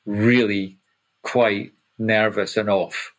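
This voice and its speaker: A Scottish man in his fifties, a coach co-hosting a podcast, explaining ideas in a casual, halting way with repeated words. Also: lowish voice, steady tone, rough recording. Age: 50s. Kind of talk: casual conversational podcast chat.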